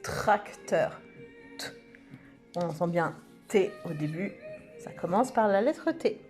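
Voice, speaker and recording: A woman teaching preschool children, speaking slowly and stretching out each word and letter sound. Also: on the low side, big pitch swings, a little mellow, soft background music. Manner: slow, sing-song, stretches out words and letter sounds. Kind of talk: slow lesson for young children.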